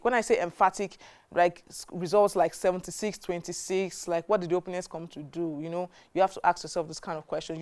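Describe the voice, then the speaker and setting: A woman with a Nigerian English accent hosts a TV sports segment in a studio. Her voice is smooth and a touch low, and she runs through fixtures casually, with plenty of "um"s and asides. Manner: chatty, many fillers, proud and excited about home team. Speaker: sports presenter. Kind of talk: scripted sports news reading with asides.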